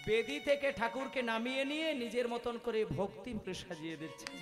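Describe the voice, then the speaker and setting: A man's voice: very high voice, lively intonation, brisk, long reverb tail, over music. A man telling a devotional story in kirtan style, half sung, dramatic and repetitive, speaking to the women in the audience.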